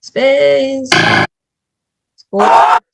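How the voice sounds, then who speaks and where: A man teaches a casual, chatty screen-recorded coding tutorial, packed with "like" and "um" fillers. His very high, creaky voice is level in tone and extremely slow. Loud music plays over him, and the audio quality is poor.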